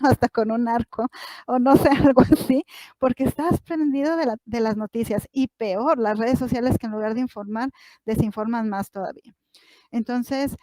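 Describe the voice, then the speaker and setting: A woman's voice: on the high side, dark tone, no echo. A woman, a psychologist giving a workshop talk to parents, speaking directly to them with many rhetorical questions.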